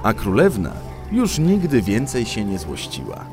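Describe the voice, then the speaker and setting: Man reading a fairy tale, slow pace, lively expressive pitch, soft music behind. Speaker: storyteller. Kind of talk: fairy tale read aloud.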